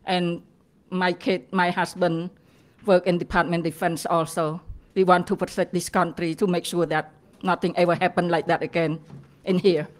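A woman from Cambodia with a Cambodian accent, answering student questions in halting, hesitant phrases. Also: fairly low pitch, flat delivery. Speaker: guest speaker.

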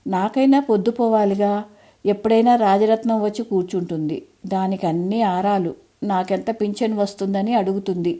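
A woman's voice: mid-range voice, moderate pace, warm tone, natural voice. A woman reading an audio story, voicing a frail, proud elderly mother who chides and teases in homely, old-fashioned speech. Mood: wry chiding.

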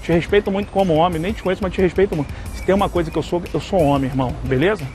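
A man's voice: high-pitched, darkish tone, faint music behind. A man confronts a stranger on the street, pushy and insistent. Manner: pushy, insistent, rapid-fire. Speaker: prank participant confronting a stranger.

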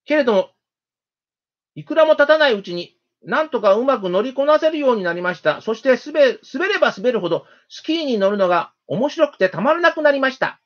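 A storyteller reading a children's story aloud in a gentle, steady, expressive manner. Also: sits high, brisk. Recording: dull lo-fi recording.

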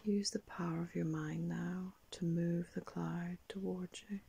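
An older woman leads a guided meditation in the manner of a sleep story narrator. Her voice is very breathy and whispered, sitting a little low. She speaks calmly and very slowly, leaving space between soft phrases. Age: older, around 60s. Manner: calm, soft, unhurried, with long pauses. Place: small indoor room.

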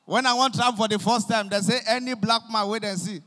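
A young man with a Nigerian accent doing animated stand-up comedy in Pidgin, acting out his characters, on a handheld mic on a concert stage. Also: sits high, fast, slight background noise. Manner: animated storytelling, acting out police and pastors. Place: large concert stage with live audience. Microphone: handheld microphone. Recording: long reverb of a large hall.

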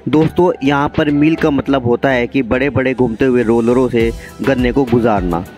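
A man talks through each stage of a factory process in a steady, informative way. His pitch sits in the middle. Faint music plays underneath. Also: moderate pace. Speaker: vlogger explaining a factory. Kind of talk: explanatory voice-over narration.

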